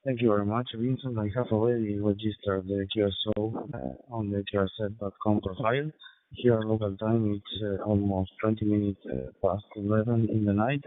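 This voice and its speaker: Halting man over a tinny radio link. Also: fairly low pitch, no echo. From Argentina. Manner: halting, with many fillers and restarts. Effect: heard over a shortwave radio link. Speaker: amateur radio operator. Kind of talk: ham radio contact, spelling call signs. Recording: tinny radio line, dry.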